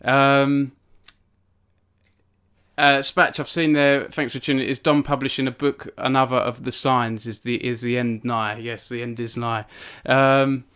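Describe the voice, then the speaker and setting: A man's voice: medium pitch, flat delivery, measured pace, fairly bright tone, smooth. A young man hosting a casual live stream from his home cabin, rambling with many fillers and self-deprecating asides. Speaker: author hosting a book launch stream.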